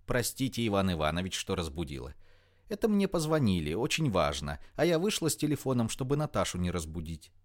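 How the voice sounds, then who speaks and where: A man voicing a quick-tempered, sarcastic young woman in an audiobook. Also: low-pitched, huge pitch swings. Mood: furious. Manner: raised, sarcastic, snappy delivery. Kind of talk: audiobook character voice.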